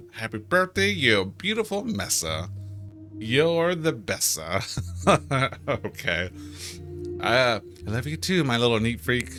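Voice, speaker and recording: Male streamer, bright tense voice, reads game text aloud with puns, faint music under him. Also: medium pitch, big pitch swings, takes it slowly. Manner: playful, stumbling over words, reads in-game posts aloud. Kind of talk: casual let's-play commentary.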